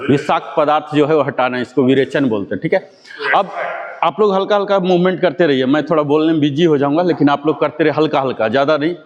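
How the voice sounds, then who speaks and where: A male yoga instructor leads a group class in a slightly high voice. He gives step-by-step commands and often asks the class questions. His words hang in a long, echoing reverb. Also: highs cut off. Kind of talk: guided exercise class.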